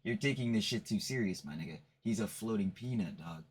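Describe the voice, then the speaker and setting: A man's voice: on the low side, expressive, brisk, breathy edge. Laid-back slang-heavy male reaction host. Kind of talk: casual reaction commentary.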